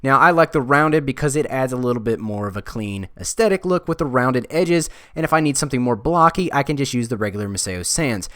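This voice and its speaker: Young man, smooth clear tone, dry close sound, relaxed, lots of uhs. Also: mid-range voice, no room sound. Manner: relaxed, thinking aloud with frequent uhs. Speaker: design video creator. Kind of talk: casual screen-recorded tutorial talk.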